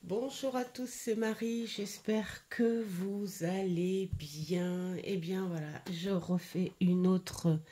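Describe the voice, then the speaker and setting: Slow, low-voiced hesitant woman. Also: fairly even intonation, mellow. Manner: hesitant, full of "euh" fillers and restarts. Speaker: tarot and oracle card vlogger. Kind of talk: casual unboxing and review chat.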